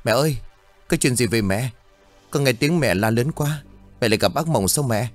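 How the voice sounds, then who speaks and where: A man voicing a scared young village son who calls out urgently and fearfully, a bit higher than his own voice. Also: brisk, faint music behind, lightly acted. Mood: worried. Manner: urgent, frightened calling.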